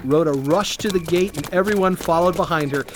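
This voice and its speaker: A storyteller reading a Bible story aloud for children in an expressive, animated way. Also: medium pitch, fairly quick, noisy background.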